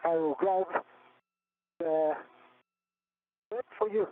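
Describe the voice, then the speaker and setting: A man working through a spacewalk, calling out steps in a steady, checklist-like way over a breaking-up space-to-ground radio link. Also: on the high side, dry recording. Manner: steady, checklist-like, halting at times. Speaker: astronaut on a spacewalk. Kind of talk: procedural radio calls. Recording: narrow, noisy, distant radio link.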